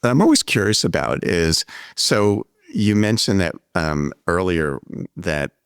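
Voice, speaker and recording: A man hosting a podcast conversation, speaking in a measured, reflective way and explaining his ideas at length. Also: deep voice, sing-song, smooth, dry recording, clean studio sound. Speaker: podcast host. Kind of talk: conversational interview.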